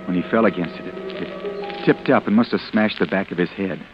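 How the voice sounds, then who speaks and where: Actor doing a hunted man on the run, low voice, hushed and tense, music under, dull old radio sound. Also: brisk, close to an everyday voice. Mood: dread. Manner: tense inner monologue, often hushed. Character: panicked young man hiding after a killing. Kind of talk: 1940s radio drama narration.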